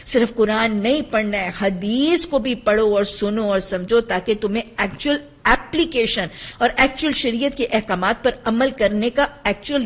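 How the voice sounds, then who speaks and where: A woman with a Pakistani Urdu accent giving an earnest, emphatic religious lesson, reading hadith and explaining them, with English phrases mixed in. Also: on the high side.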